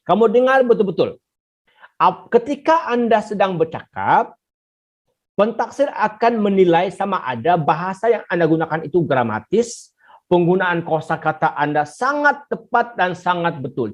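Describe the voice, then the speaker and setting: Coaxing teacher. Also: mid-range voice. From Sabah, Malaysia. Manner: repetitive, coaxing, addresses pupils directly. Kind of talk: online exam-prep lesson. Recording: slightly muffled recording.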